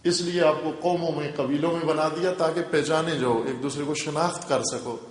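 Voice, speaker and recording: A man's voice: a little high, steady tone. A male Islamic scholar giving a religious lecture with a Pakistani Urdu accent, explaining step by step and repeating key terms for emphasis. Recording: echoey hall reverb.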